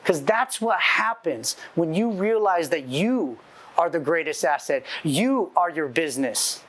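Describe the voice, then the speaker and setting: A man's voice: sits high, fairly bright tone. A man in his forties giving a profane, intense motivational talk as an entrepreneur speaker, telling his story through acted-out dialogue. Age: 40s.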